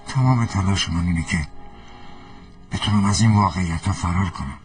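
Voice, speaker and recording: A man dubbing a young ex-soldier mechanic who cannot stand injustice, speaking in an earnest manner that flares quickly into anger. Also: low voice, faint music behind, lightly acted. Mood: troubled. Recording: distant voice over film score.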